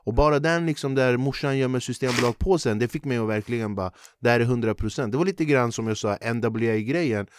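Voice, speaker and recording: A man's voice: medium pitch, few pauses, background noise. A man hosting a podcast in a laid-back, slangy way, asking questions and reacting briefly. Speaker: podcast host. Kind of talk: casual interview chat.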